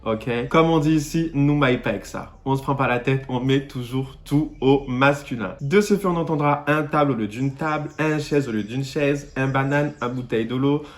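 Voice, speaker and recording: A man's voice: medium pitch, moderate pace, hardly any pauses. A man from Réunion giving a comedic vlog monologue in a playful, camp, theatrical way. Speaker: YouTuber.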